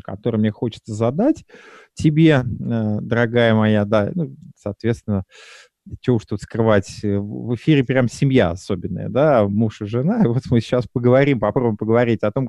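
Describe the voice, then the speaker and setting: A middle-aged male host with a dark, mellow voice, hesitating often and stretching his filler sounds as he leads a live broadcast. The sound is dry and close, with no room around it. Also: medium pitch, no echo. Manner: hesitant, many drawn-out fillers. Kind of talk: hosting a live broadcast talk show.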